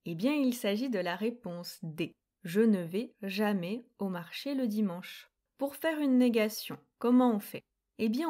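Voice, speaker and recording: A young woman runs a grammar quiz lesson at an unhurried pace, spelling out each rule with careful, deliberate clarity. Her pitch sits in an ordinary middle range. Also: a little mellow. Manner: slow, clear and deliberate explaining. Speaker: French grammar teacher.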